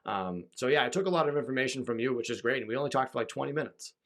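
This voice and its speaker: A young man hosting a podcast interview, relaxed and conversational, recording in a small closet. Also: medium pitch, rapid-fire. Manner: relaxed, conversational, frequent fillers. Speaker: podcast host. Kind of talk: casual interview chat.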